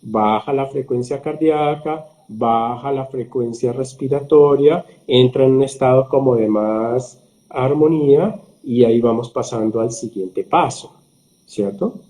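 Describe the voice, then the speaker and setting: A middle-aged man, a surgeon, calmly explaining in a conversational interview, slowing down for emphasis. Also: medium pitch. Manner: calm, explanatory, slows down for emphasis. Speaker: surgeon and podcast guest.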